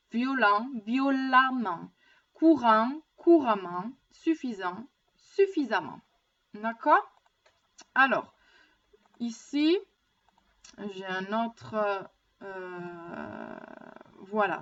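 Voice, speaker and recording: Woman teacher going through grammar slow and careful, kinda high voice, dull lo-fi sound. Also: a bit bright. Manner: slow, careful, checks in with "d'accord?". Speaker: French teacher. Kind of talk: grammar lesson.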